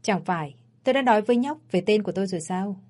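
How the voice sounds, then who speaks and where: Cocky bossy rich guy in glasses done by a woman, mellow, mocking. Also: medium pitch, lively intonation, quick pace, lightly acted. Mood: cold, mocking. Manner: mocking and domineering.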